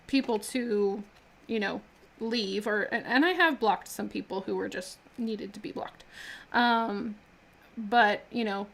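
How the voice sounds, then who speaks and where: This is casual talk while crafting: a woman on a live stream puts together miniatures, laughing a lot and filling her speech with fillers and restarts. Her voice sits on the high side and sounds a bit bright.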